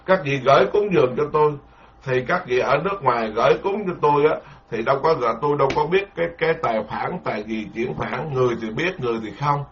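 A Buddhist monk giving a dharma talk, animated, repeating words and laughing ruefully. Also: male voice, medium pitch, fast, slight background noise. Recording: lo-fi muffled recording.

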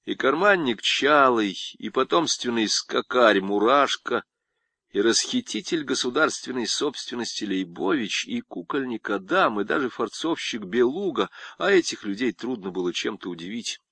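A man narrating an audiobook in an expressive, ironic storytelling manner. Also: medium pitch, normal speed, no echo.

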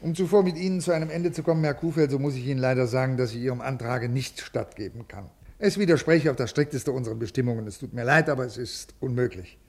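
Middle-aged official in classic radio play; husky, officious, rules first. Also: male voice, medium pitch, quick pace, few pauses, a little mellow. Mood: weary. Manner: formal, officious. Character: stiff, rule-bound male official, weary and ailing. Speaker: government official. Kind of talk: classic radio drama acting.

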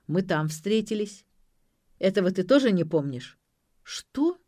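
A woman's voice: mid-range voice, moderate pace, warm tone, natural voice. A woman reading aloud voices a frightened, dazed young woman who murmurs hesitantly. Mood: confused.

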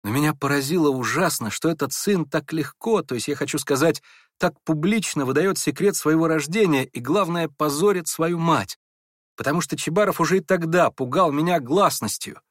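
Мужчина читает кроткого, торопливого князя. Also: male voice, on the high side, no echo, clean studio sound, close to an everyday voice. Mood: earnest. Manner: hurried, apologetic, earnest. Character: meek, earnest, kind young prince. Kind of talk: audiobook character voice.

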